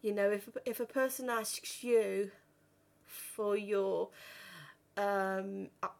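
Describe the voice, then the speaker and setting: Lady in her thirties, stammers a lot, talks super slow. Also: mid-range voice, fairly even intonation, gravelly. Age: 30s. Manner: stammers, with repeated words and broken starts. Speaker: vlogger. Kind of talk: personal talk to camera.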